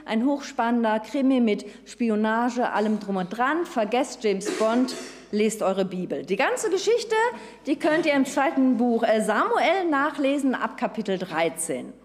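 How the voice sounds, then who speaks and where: A woman preaches in a church, speaking slowly and deliberately in a fairly high voice. She tells the story vividly and turns often to address her listeners directly. Her words ring out with the long reverb of a large hall. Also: big pitch swings. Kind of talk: sermon.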